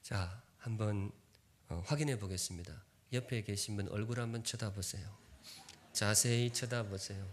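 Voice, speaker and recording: A man's voice: on the low side, normal speed. A male preacher in his fifties, from Gyeongsan, delivers a sermon in Seoul-style speech that still carries a faint Gyeongsang tinge. He keeps things humorous and often turns to the congregation with questions. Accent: Gyeongsang-tinged Seoul Korean. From Gyeongsan, North Gyeongsang, South Korea. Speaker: pastor. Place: church sanctuary.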